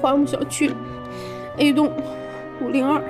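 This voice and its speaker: An actress playing a volatile woman defendant in a crime drama, defiant and shouting. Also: steady tone, a little slow, over loud music. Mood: bitter pleading. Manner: shrill, defiant, shouting and sobbing. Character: volatile middle-aged woman defendant, combative.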